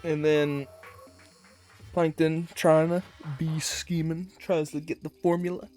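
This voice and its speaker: A man's voice: a little high, little pitch movement, slow, darkish tone, soft background music. A man giving a casual, rambling commentary review of a cartoon episode, with lots of fillers and hedges.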